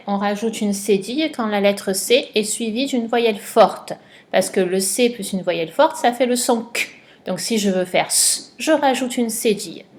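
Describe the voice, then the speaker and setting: A woman primary school teacher giving a recorded spelling lesson to a child at home, slow and patient, stretching out each word for dictation. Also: mid-range voice.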